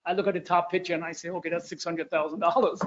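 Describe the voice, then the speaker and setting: A man joining a casual meeting discussion, talking fast and enthusiastically with stumbles. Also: on the high side, little pitch movement, highs cut off. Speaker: meeting participant.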